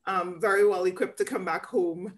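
A woman developmental pediatrician explaining things in an interview over a video call, measured with frequent ums. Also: lowish voice, fairly even intonation, low-quality recording.

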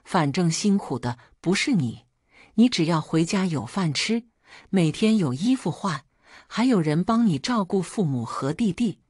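A woman's voice: fairly low pitch, lively intonation, measured pace, darkish tone, slightly rough, no room sound, studio quality. A woman reading as a weary older mother. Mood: bitter. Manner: plain-spoken, tired and resentful.

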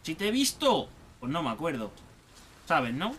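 A man's voice: on the high side, sing-song, normal speed, fairly bright tone, slight background noise. A young man with a Spain Spanish accent giving chatty, exclamatory let's play commentary while talking to himself. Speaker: gaming YouTuber.

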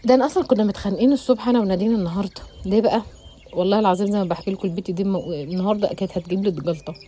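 A middle-aged woman with an Egyptian accent, chatting rapidly and directly to her viewers as a home cooking vlogger. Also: mid-range voice, warm tone, slight background noise. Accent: Egyptian Arabic. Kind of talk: casual chatty storytelling to viewers.

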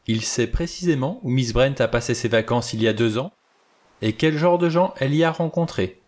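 A man reading aloud and voicing an old male judge who speaks in a small, crisp voice, measured and cold, choosing each word with care. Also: mid-range voice, a little mellow, lightly acted. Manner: measured, choosing words carefully.

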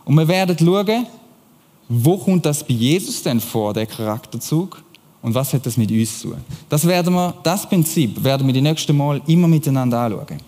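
A man's voice: on the high side, lively intonation, moderate pace, dark tone. A young man with a Swiss German accent giving a casual youth sermon, explaining things chattily with rhetorical questions. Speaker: youth church preacher. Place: church hall. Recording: long hall reverb.

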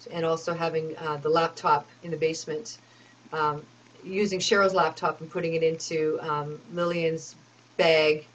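A woman with a somewhat low voice tells a long, rambling personal story. She sounds aggrieved and fed up, piling complaint upon complaint and filling the gaps with ums and uhs. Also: little pitch movement, normal speed, lo-fi sound, slight background noise. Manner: aggrieved, talks in long run-on complaints with many fillers.

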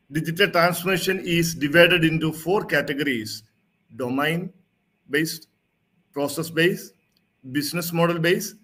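A man giving a formal keynote talk over a video call, reading through his slides in a measured presenter tone. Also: fairly high pitch, fairly bright tone. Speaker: keynote speaker. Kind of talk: prepared conference keynote. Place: home or office, seen on video call. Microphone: video call webcam mic.

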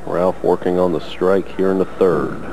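A man's voice: low voice, fairly even intonation, background noise. A man calling play-by-play on a televised bowling match, giving frames, scores and short asides to viewers. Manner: brisk scorekeeping calls, brief asides to viewers. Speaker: play-by-play announcer.

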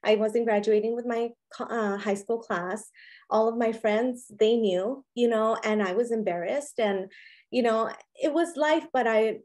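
A woman speaking as an interview guest, her voice sitting a little high. She talks earnestly and openly about her own life, filling pauses with "you know" as she goes. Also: darkish tone. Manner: earnest and candid, with many "you know" fillers. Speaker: interview guest, business owner. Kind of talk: heartfelt personal storytelling in an interview.

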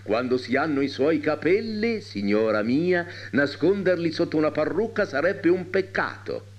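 A man's voice: a little high, lively intonation, muffled recording, pitched above the performer's own voice. A man doing a blissful, beaming doctor. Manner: slow, beaming. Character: jovial blissful round-faced doctor.

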